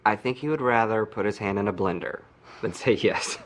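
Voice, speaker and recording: A man's voice: on the low side, brisk, close to an everyday voice. An actor playing a defensive groom-to-be who bickers with his partner. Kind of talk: film acting.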